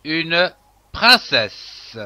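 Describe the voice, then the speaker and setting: Man, children's reading teacher, phonics lesson, letter-by-letter spelling, lively up-and-down pitch, fairly high voice. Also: very slow, no echo. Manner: spells out letters then blends them into syllables and words.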